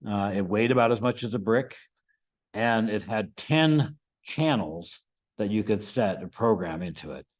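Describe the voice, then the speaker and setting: An American amateur radio instructor gives an informal, conversational lesson to a group, often checking in with short questions. His voice is lowish with a darkish tone.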